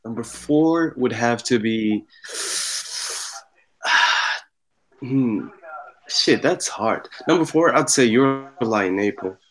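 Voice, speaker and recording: A man co-hosting a casual podcast chat, loose and excitable, swearing freely. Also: medium pitch, slow, long pauses, low-quality recording. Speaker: podcast co-host.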